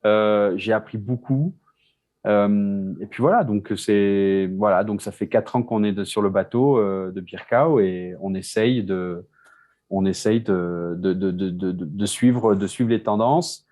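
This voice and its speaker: A man's voice: fairly low pitch, measured pace, darkish tone. A man from France, a business co-founder, talking casually as an interview guest, with many restarts and repeated words. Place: Mexico City.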